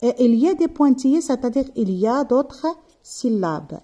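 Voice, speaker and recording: A woman teaching a slow, careful phonics lesson, sounding out syllables and stopping to check that her students follow. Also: a little high, lively intonation, warm tone, slightly rough.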